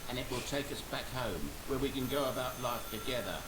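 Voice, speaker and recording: A man voicing a talking metal bucket that gives soft, coaxing orders, with a hollow, slightly distant sound as if from inside a bucket. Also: medium pitch, fairly quick. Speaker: game narrator voicing an object. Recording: echoey game audio with loud hiss.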